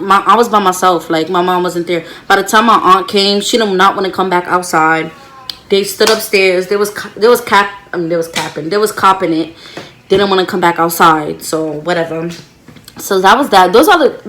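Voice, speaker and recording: A young woman telling a story straight to camera, loose and slangy. She acts out what everyone said and keeps the tale rolling at a mid pitch. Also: fairly bright tone, slight background noise. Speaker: vlogger. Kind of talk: storytime vlog.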